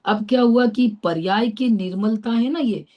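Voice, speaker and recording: A middle-aged Indian woman with a fairly high voice teaches a philosophy class at a moderate pace, and the audio sounds dull. She explains things step by step with patience, frequently using rhetorical checks to make sure her listeners are following.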